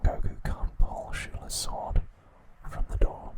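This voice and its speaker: Taking his time, a man hosting ASMR narrates in a hushed whisper that's breathy and calming.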